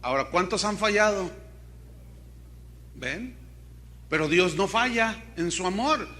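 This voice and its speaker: A male pastor preaching a sermon, swinging between loud emphasis and hushed storytelling and asking the congregation questions. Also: high-pitched, lively intonation, slow pace.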